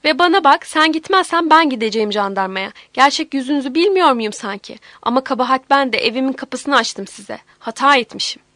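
A woman voicing a furious older woman who drives a girl out of her house, shouting and scolding. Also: sits high, expressive, brisk, few pauses, no room sound, clean studio sound. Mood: defiant shouting.

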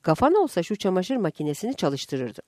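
A woman doing a gruff scolding village husband. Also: fairly low pitch, big pitch swings, fairly quick, mellow, no echo, studio quality. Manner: rough, insulting, rural speech.

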